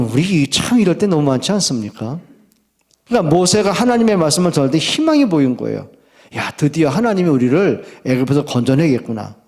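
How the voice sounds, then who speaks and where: Male pastor giving a sermon, voice swings up and down a lot, reads verses slow and deliberate. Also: a little high. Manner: animated preaching, acting out quoted complaints in a raised voice; reads scripture slowly and deliberately.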